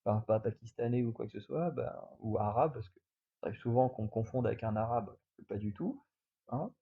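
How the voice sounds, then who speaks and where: Young man from France, vlogger. Casual, rambling storyteller, slightly husky tone, lo-fi sound. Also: mid-range voice, brisk. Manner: rambling, many fillers and restarts.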